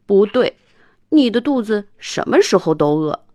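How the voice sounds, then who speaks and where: A woman's voice: mid-range voice, very animated, measured pace, mellow, no room sound, clean studio sound. A woman voicing a polite, anxious young schoolboy in a children's storybook reading, earnest and pleading. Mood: eager.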